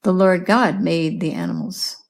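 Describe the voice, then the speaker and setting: A woman teaching English in a slow, clear lesson, patiently asking questions and repeating answers. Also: fairly low pitch, very animated. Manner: patient, repeats and explains words.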